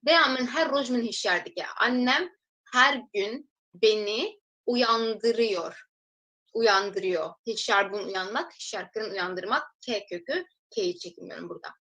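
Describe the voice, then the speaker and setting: A woman teaching a recorded language lesson, explaining step by step, reading example sentences slowly and then translating them for viewers she calls friends. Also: mid-range voice, expressive, pushed and bright, rough recording.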